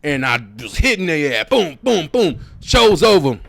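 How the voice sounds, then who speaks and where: A man's voice: on the high side, big pitch swings, unhurried, gravelly, a bit bright. A young man, a stand-up comedian, telling stories animatedly with a lot of swearing and acted-out voices. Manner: profane, acts out quoted voices. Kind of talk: animated storytelling.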